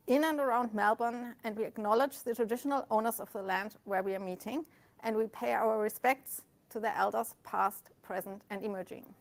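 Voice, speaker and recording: A woman hosting a meetup, speaking informally in front of an audience as she welcomes people and makes announcements. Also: a little high. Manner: addressing an audience in a room. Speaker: meetup organizer and host. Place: meetup room with live audience and online stream.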